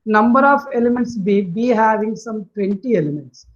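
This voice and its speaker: A woman's voice: medium pitch, normal speed. A woman with an Indian accent teaching a maths lesson, dictating notation piece by piece and repeating her phrases. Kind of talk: maths lesson explained aloud to students. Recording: dull lo-fi audio.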